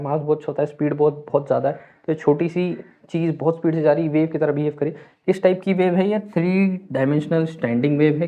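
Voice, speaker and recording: Male teacher lecturing on chemistry, explains step by step, mixes in English terms; narrow lo-fi sound. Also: medium pitch. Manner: explains step by step, asks and answers own questions. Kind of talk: classroom lecture. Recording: tinny phone-like sound.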